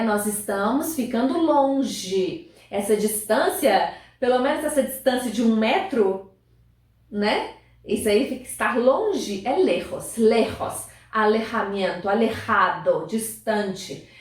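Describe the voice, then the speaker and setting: Woman, Spanish teacher. Slightly high voice, unhurried delivery, echoey room away from the mic. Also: darkish tone, recorded from a distance. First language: Portuguese. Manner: explains slowly, repeats words, checks in with "né?" and "ok?". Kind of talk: language lesson.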